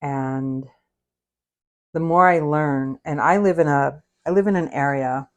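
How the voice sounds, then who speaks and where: Talking at an unhurried pace over a noisy background, a sixty-something American woman rambles through her cooking livestream. Her low-pitched voice carries a candid, meandering style, full of self-interruptions.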